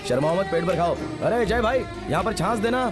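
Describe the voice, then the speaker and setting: A man's voice: high voice, lively intonation, fairly quick, music in the background. An actor dubbing a friendly young man who invites guests to eat in a Hindi film dub. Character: cheerful, hospitable young man. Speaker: host's son serving guests.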